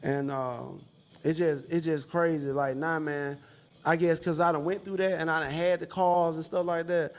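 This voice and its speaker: A man's voice: a little high, steady tone, moderate pace. A man, chatting casually and laid-back with plenty of slang and swearing. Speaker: podcast panelist. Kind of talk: casual chat.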